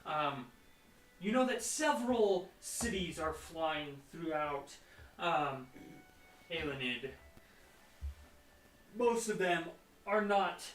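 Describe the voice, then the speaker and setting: A man's voice: a little high, lively intonation, takes it slowly, long pauses, a bit bright, far from the mic. A man narrating as game master in a tabletop game, chatty and laughing often. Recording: echoey room, off mic.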